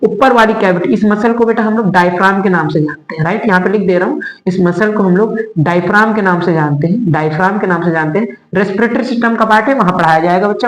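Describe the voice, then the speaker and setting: A man's voice: high voice, echoey room, poor audio. A young man teaching biology in a chatty, repetitive way, calling his students "beta" and answering his own questions, with terms. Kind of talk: online exam-prep lecture.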